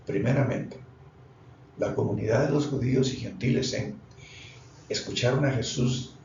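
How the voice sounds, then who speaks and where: A male pastor giving a slow, unscripted Bible lesson, deliberate and often correcting himself mid-phrase. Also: medium pitch, vocal fry, a little mellow. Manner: deliberate, with frequent restarts and self-corrections. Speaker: pastor teaching Bible study. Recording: distant, roomy, dull lo-fi sound with faint noise.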